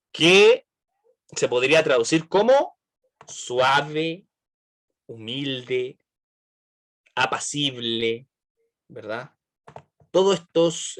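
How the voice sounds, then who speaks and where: A man leading an online Bible study, asking the group questions and checking in with "right?". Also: mid-range voice.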